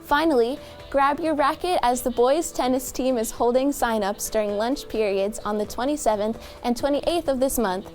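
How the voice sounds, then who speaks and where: A teenage girl brightly reading scripted school announcements as a student announcer. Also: on the high side, normal speed, soft background music. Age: teens.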